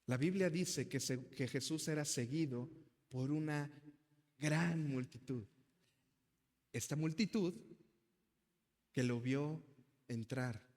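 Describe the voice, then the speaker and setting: A man's voice: mid-range voice, darkish tone, big-room sound. A male pastor with a Mexican accent, preaching an emphatic sermon and addressing the congregation as brothers.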